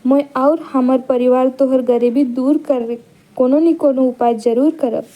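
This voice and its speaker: A woman's voice: sits high, fairly even intonation, measured pace, mellow. A woman reading a pleading rat king. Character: pleading rat king begging for his life.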